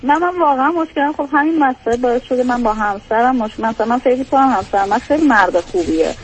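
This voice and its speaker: Female caller, high-pitched, hesitant and rambling, with plenty of filler. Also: lively intonation, a crowd in the background, poor audio. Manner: hesitant, rambling, fills with "for example". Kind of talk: phone-in conversation.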